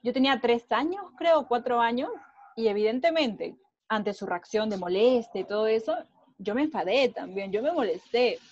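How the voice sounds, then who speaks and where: A woman's voice: on the high side, lively intonation, moderate pace, muffled recording, a little hiss or hum. A young woman co-hosting a podcast, chatty and teasing, reflecting on her own stories. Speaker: podcast co-host. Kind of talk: casual chat.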